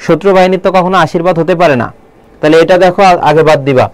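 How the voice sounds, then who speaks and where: A man teaching a live online Bangla lesson, keeps asking the viewers questions and slows down to read poem lines aloud. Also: a little high, steady tone, no echo. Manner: quizzing viewers with repeated questions.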